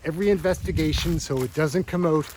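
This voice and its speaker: Guy commentating on a clip, blunt and mocking, slightly high voice, faint noise behind. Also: fairly quick, a little mellow, low-quality recording. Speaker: video commentator. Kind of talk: casual commentary.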